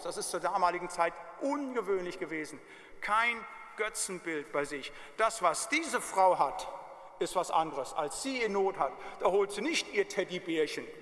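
Guy preaching a sermon, pretty high voice, pushes hard on repeated words, long church echo. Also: pushed and bright. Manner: emphatic, repeats key words, asks the congregation direct questions. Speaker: pastor.

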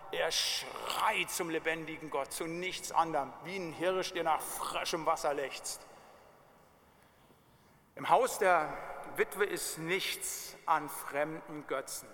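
A man's voice: on the high side, pushed and bright. A male pastor preaching a sermon emphatically, repeating key words and putting direct questions to the congregation. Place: church. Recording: long church reverb.

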